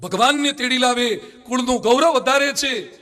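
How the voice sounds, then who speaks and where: A man's voice: extremely high pitch, moderate pace, pushed and bright. A man with a Gujarati accent, a monk giving a sermon, telling anecdotes and acting out the people in them. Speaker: Swaminarayan monk preacher.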